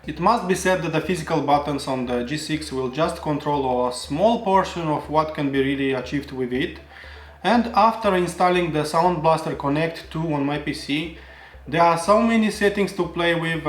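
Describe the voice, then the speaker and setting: A man's voice: a little high, normal speed. A man narrating a product review of audio gear, explaining features earnestly and giving his own opinions. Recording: roomy echo.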